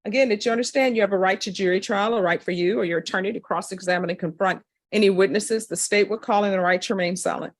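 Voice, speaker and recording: A woman presiding as judge in a courtroom recording, putting formal questions in a brisk, businesslike way. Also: medium pitch. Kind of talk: formal plea hearing questioning.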